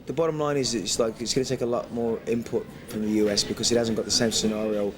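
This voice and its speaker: This Englishman, a guest DJ, chats rambling through a casual interview at an airport, swearing and laughing often. His mid-range voice stays steady while he talks fast, captured in a noisy location recording.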